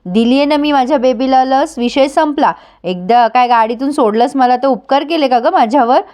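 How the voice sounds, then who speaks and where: A woman's voice: sits high, normal speed, a little mellow, close to an everyday voice. A woman voicing a rude, arrogant young woman who talks dismissively, in a serial recap.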